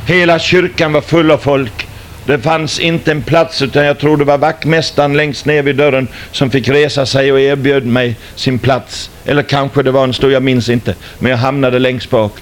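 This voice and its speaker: A man's voice: medium pitch, fairly even intonation. An older man, a former stage entertainer, telling his religious testimony as a dramatic storyteller who likes rhetorical questions.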